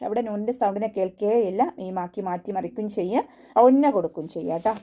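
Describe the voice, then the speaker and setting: A woman teaching tajweed in an online class, giving patient step-by-step pronunciation instructions and then reciting each verse slowly, in a higher voice. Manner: patient, step-by-step instruction, often ending with a soft "tto".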